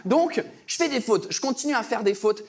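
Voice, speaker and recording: A man's voice: very high-pitched, animated, moderate pace, slightly rough. A young British man doing self-mocking stand-up comedy on a stage, breaking into laughter. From Britain.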